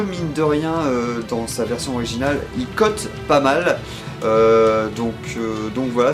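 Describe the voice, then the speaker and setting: A French-accented man chats about his game collection in a loose, unscripted way. He stumbles and restarts often, padding his talk with fillers, at a middling pitch with faint music under him. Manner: hesitant, many fillers and restarts. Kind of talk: casual video commentary.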